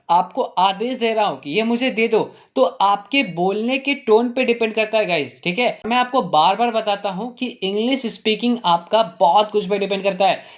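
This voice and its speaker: Guy teacher doing a grammar lesson, lots of rhetorical questions, slow careful examples, kinda muffled audio. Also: sits high. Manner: asks rhetorical questions, repeats 'ठीक है?', says English examples slowly. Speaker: English teacher. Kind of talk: classroom lesson explaining grammar.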